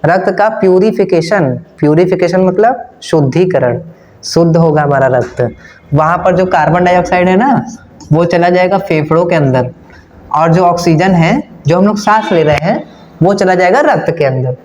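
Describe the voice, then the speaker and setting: A man's voice: sits high, normal speed, a little mellow, slight background noise. A man from India with a North Indian Hindi accent, teaching a science class online, repeating key terms and answering his own questions in a casual way. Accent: Hindi-speaking North Indian. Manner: casual, addresses students as brother and kids. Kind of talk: online class lesson with diagram.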